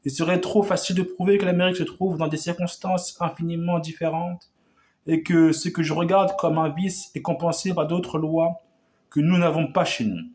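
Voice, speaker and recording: A man's voice: fairly high pitch, steady tone, moderate pace, darkish tone. A man declaiming a historic revolutionary speech in an oratorical manner, often stumbling and restarting his words.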